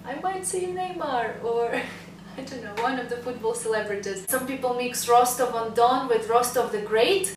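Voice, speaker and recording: A woman's voice: medium pitch, far from the mic. A young woman from Russia, speaking English, chatting casually and upbeat in a vlog and laughing now and then. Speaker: vlogger. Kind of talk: casual vlog talk to camera. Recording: roomy, a little off the mic, faint hiss.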